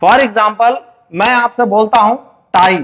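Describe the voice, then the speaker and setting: High-voiced man teaching shorthand. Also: slow, a bit bright. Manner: explains step by step, asks and answers his own questions. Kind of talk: classroom lesson. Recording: dull, muffled lo-fi recording.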